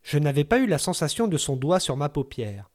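A man narrating a literary story aloud in a measured, even way. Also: a little high. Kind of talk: audiobook reading of a literary story.

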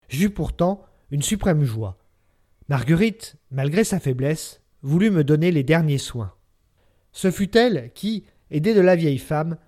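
A man reading a literary text aloud in measured, expressive narration. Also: fairly high pitch.

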